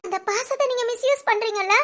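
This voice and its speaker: A hurt young wife with a very high, thin voice, crying as she speaks. She talks in a plaintive, complaining way, and sobs break through her lines. This is cartoon family-drama voice acting. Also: fast talker, fairly bright tone, a little hiss or hum. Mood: upset, pleading. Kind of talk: animated family story voice acting.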